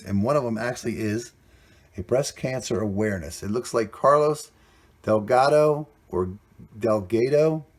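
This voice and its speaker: Upbeat man narrating a hobby vlog. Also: mid-range voice. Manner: chatty, plainspoken, upbeat about finds. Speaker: coin roll hunting channel host.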